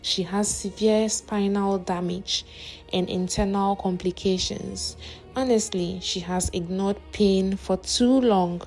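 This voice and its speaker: A woman's voice: medium pitch, steady tone, slow pace, a little mellow, soft background music. A woman voicing a grave hospital doctor delivering hard news with hesitation, in a storybook narration.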